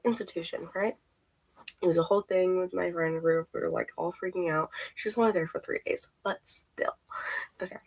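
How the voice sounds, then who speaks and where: Casual female vlogger, monotone delivery, rambly and self-interrupting. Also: sits low, creaky, rough recording. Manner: rambling, self-interrupting, laughs at own stumbles. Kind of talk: casual storytime, reading texts aloud.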